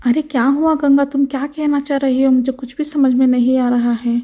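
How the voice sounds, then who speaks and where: A woman doing a loud, brave young village woman. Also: high-pitched, little pitch movement, a little fast. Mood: puzzled. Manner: loud, exclaiming.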